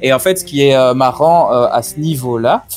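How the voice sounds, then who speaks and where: A man's voice: medium pitch, normal speed, a little mellow, soft background music. A man in a casual group discussion over a call, rambling with lots of fillers and asides. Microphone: computer on a call.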